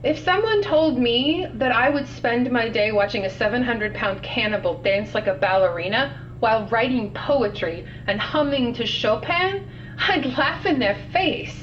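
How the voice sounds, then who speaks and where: In an audio drama, a woman plays a weary, sardonic scientist narrating containment logs, dry and matter-of-fact with a wry, bemused mood. Her fairly high voice has lively intonation and a measured pace, and the log sounds muffled, distant and noisy with a hum.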